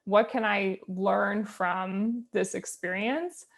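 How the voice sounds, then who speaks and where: A woman giving a conversational talk on design thinking, relaxed and thinking aloud, with tag questions and fillers, heard over a video call. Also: medium pitch, slow, vocal fry. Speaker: guest speaker on design thinking.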